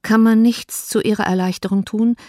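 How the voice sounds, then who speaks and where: Darcy, a woman reading a tender gentleman. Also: on the high side, steady tone, moderate pace, no echo, clean studio sound, voice pushed up, lightly acted. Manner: tender, earnest, formal. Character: solemn, compassionate young gentleman, Mr Darcy. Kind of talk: audiobook reading.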